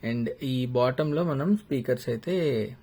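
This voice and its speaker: This motovlogger talks slowly in a mellow, medium-pitched voice, unboxing a product and demonstrating its installation one step at a time. His explanations are casual and sprinkled with English terms. The lavalier recording is clearly noisy, with ambient sound around him.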